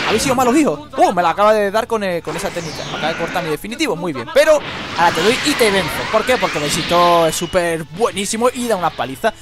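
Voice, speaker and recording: A young man with a Spain Spanish accent commentating a fighting game, jokey and exclamatory, swearing often. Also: high-pitched. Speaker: gameplay commentator. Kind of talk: excitable let's-play commentary. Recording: game music playing behind. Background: game music.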